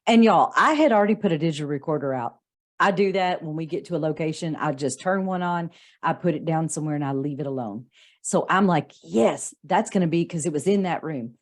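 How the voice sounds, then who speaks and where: A woman co-hosting a podcast, telling a story in lively casual chat and acting out the lines she quotes. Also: low-pitched, fairly quick. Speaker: podcast co-host.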